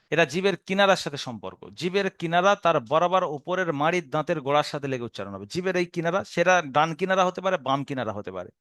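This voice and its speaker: A man teaching where Arabic letters are pronounced, patiently repeating and demonstrating each sound slowly, with a Bengali accent. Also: high voice, fairly bright tone, dry recording, studio quality. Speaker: Quran recitation teacher. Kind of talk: explaining Arabic letter pronunciation.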